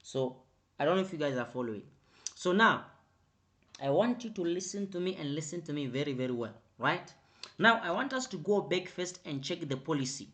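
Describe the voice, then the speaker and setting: A man teaching an online accounting revision class, repeating his prompts and growing louder and more emphatic as he explains. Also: a little high, expressive. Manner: repetitive, prompting with "right?" and "quickly". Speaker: accounting tutor.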